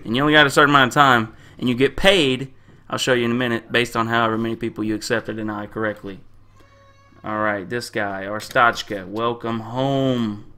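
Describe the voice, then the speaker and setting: A man's voice: medium pitch, fairly even intonation, fast talker, bright, forceful tone, clear, resonant tone. A young man casually commenting while he plays a computer game, joking crudely and swearing a lot. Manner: puts on silly accents to read game text. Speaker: gamer. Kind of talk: profane let's-play commentary.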